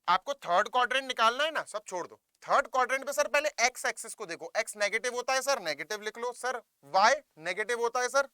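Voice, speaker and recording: A man with an Indian accent teaching a maths lesson online, coaxing and lively, switching between Hindi and English. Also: high-pitched, clear, resonant tone, dry recording. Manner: lively, coaxing, mixing Hindi and English, calls students kids.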